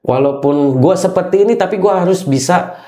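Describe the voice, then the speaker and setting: A man's voice: high-pitched, normal speed, warm tone. A man telling his story as an interview guest, hesitant, with many fillers and tag questions. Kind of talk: casual testimony interview. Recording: roomy echo.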